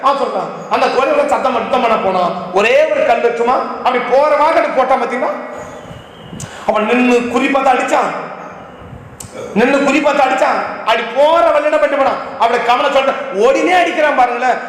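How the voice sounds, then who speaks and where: A man's voice: very high voice, fairly quick, fairly bright tone. A man preaching a sermon to a congregation, firing off rhetorical questions one after another. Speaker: pastor. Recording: echoey hall reverb.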